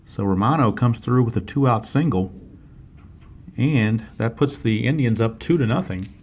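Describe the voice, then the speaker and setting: A man's voice: medium pitch, unhurried, darkish tone, a little hiss or hum. A man giving play-by-play commentary on his own tabletop baseball game, steadily explaining each roll and correcting himself now and then.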